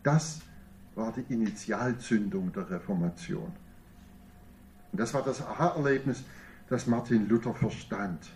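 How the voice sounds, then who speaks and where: A man delivering a sermon as pastor, in measured preaching with emphatic rising peaks. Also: lowish voice, a little mellow, distant mic, slight background noise.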